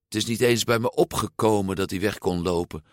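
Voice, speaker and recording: A man voicing a worried, self-doubting mother in a storybook reading, speaking softly. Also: fairly low pitch, brisk, no echo, clean studio sound, lightly acted. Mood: distraught. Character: worried mother, adult woman, anxious.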